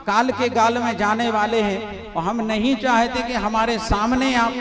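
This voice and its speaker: A man's voice: very high voice, steady tone, measured pace, music in the background. A man voicing the elephant's wives as they tell him they are leaving. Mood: dismissive.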